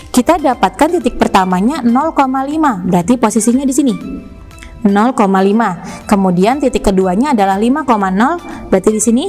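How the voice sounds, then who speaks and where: A woman's voice: on the high side, a little mellow. A woman math teacher from Indonesia with a Jakarta accent, explaining graphs step by step in a recorded lesson, with frequent tag questions to her students.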